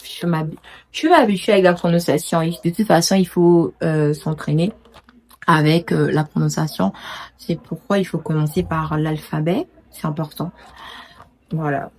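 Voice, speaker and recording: A woman casually sharing proverbs she is learning, sounding out words slowly and correcting herself. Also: lowish voice, a little mellow, poor audio. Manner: hesitant, slow careful pronunciation attempts, self-correcting. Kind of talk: casual vlog lesson.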